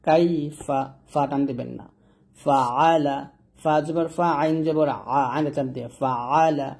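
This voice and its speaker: A man teaching Quran reading, patiently spelling out each syllable and repeating the verses slowly in a chanting tone. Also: fairly high pitch, a little mellow.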